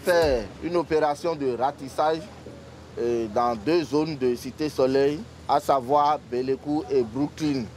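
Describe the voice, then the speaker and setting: A man delivers a formal police briefing in a firm, commanding way, his pitch middling. Faint noise hangs behind him. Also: measured pace, darkish tone. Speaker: police officer giving a briefing. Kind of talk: operational briefing.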